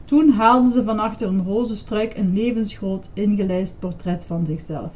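A woman lively and expressive as she reads a children's story aloud. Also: mid-range voice, moderate pace.

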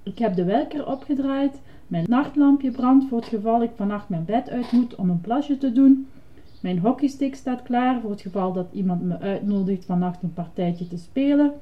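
A woman voicing an excitable, fussy, childlike male puppet in a high, dramatic, insistent voice while reading a storybook aloud. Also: moderate pace, lightly acted. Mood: upset. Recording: dull lo-fi recording.

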